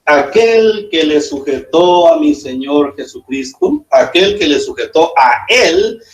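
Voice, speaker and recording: A man, a pastor, arguing in a debate, hesitant with many fillers and sudden jumps in pitch. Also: animated, slow pace. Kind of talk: spontaneous debate argument. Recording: echoey room.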